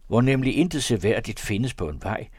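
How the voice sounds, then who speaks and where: A man narrating a classic novella as an audiobook, with a measured, expressive reading on a close studio mic. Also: medium pitch, no echo. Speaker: audiobook reader.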